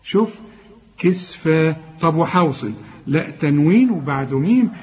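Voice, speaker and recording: A man with an Egyptian accent gives a tajweed lesson. His voice sits a little high, and he explains each rule before drawing the letters out slowly. The recording is a bit dull and lo-fi. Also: animated. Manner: explains rules, then slowly drawls out sounds. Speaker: Quran recitation teacher. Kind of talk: tajweed lesson with recited verses.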